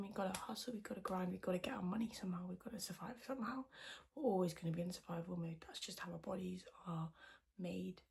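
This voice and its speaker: A woman podcast host whispering in a hushed, quiet voice so as not to wake anyone, chatting casually in a rambling, self-deprecating way. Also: mid-range voice. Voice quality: whispered, breathy voice. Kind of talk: casual chat to podcast viewers.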